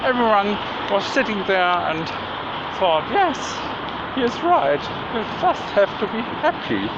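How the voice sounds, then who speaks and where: A man whose first language is German, musing aloud in a slow, meandering way with many fillers and restarts, recorded outdoors in a city by water. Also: fairly high pitch. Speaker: vlogger. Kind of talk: rambling spoken musing. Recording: loud outdoor noise, dull sound.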